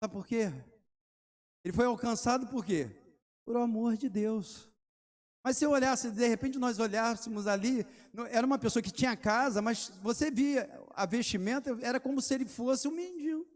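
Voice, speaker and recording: A man's voice: extremely high pitch, normal speed. A middle-aged man, preaching a sermon and asking the congregation rhetorical questions between testimony stories. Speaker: pastor.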